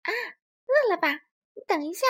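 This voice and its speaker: A woman voicing a kind male sea reptile in a storybook tale, speaking softly and caringly. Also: big pitch swings, fairly quick, full character voice. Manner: soft and caring, high-pitched.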